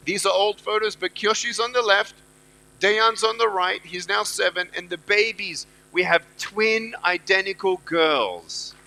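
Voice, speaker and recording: A man's voice: high voice, unhurried, creaky, sharp tone, low-quality recording. A middle-aged man giving a motivational speech to students at a university event. He talks emphatically and repeats his key phrases. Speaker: motivational speaker.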